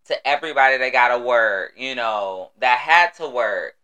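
A man's voice: mid-range voice, moderate pace, bright, forceful tone, smooth. An American man hosting a casual solo podcast, with a sassy, exuberant manner and salty, slangy talk. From United States. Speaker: podcast host.

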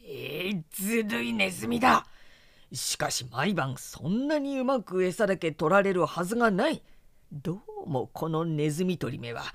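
A gruff manservant, put on by a woman narrator, grumbles in a low, gravelly voice. He is irritable and suspicious, and his rough speech swings up and down with feeling. The delivery is dry and close. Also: big pitch swings, moderate pace, a bit bright, no echo, heavily acted. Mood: grumbling. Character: gruff grown male servant, irritable and suspicious.

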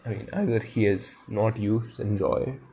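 A man's voice: fairly low pitch, steady tone, unhurried, creaky, mellow, breathy edge. A man reading a novel aloud and stopping to muse on it enthusiastically. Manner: enthusiastic, muses aloud between passages. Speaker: reader discussing a novel.

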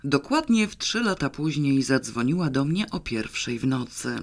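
A man narrating an audiobook in a steady storytelling manner. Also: mid-range voice, normal speed.

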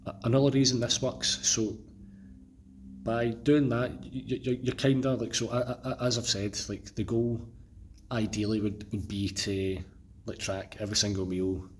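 A Scottish man who is under the weather, talking casually and haltingly as a solo podcast host, often repeating words as he goes. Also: medium pitch, flat delivery, slight background noise. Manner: halting, stammering repetitions. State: feeling unwell, under the weather. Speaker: podcast host and personal trainer.

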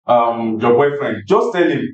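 A man's voice: medium pitch, expressive, measured pace. A man with a Nigerian accent giving advice in casual chat sprinkled with Pidgin. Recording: distant, echoey, muffled room.

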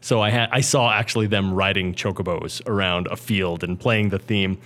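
A man co-hosting a casual video game podcast, chatty and quick to laugh, trailing off with fillers. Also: deep voice, fairly even intonation, fairly bright tone. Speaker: podcast co-host. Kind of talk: casual chat.

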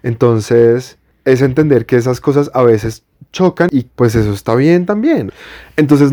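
In a casual podcast chat, this young co-host from Bogotá, Colombia, speaks in a warm, mellow, mid-range voice carrying a Bogotá Colombian Spanish accent. He's relaxed and reflective, working through ideas aloud at length and restarting frequently.

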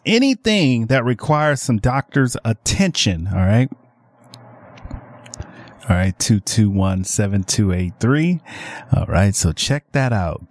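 A man hosting a live AM radio shopping show, delivering repetitive pitchman patter with drawn-out words. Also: mellow, dry recording. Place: small dry AM radio studio. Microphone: close studio microphone. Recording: music playing behind a dry studio voice.

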